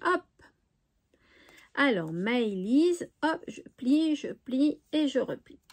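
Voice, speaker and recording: A woman's voice: high voice, very animated, slow pace, a little mellow. A woman chatting cheerfully to viewers on her crafting channel, with little "hop" sounds as she sorts things. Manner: chatty, cheerful, says "hop" while sorting. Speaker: scrapbooking YouTuber. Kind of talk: casual vlog chat.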